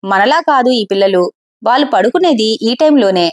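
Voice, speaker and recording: A woman voicing a gentle older mother on pilgrimage who coaxes her husband softly and gives calm advice. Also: fairly high pitch, normal speed, close to an everyday voice. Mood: coaxing. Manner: soft, soothing, coaxing.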